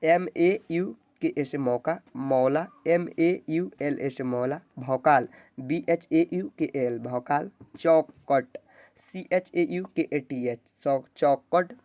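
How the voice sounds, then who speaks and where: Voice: mid-range voice, takes it slowly, darkish tone, dry recording. An online English teacher who spells words out letter by letter, keeps asking and answering their own questions, and often checks in with "okay, friends". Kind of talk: slow spelling-out lesson.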